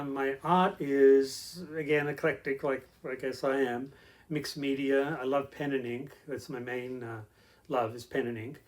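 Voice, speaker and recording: A middle-aged man with an Australian accent, an interview guest telling his story in a rambling way with many fillers. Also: mid-range voice. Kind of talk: casual conversational storytelling.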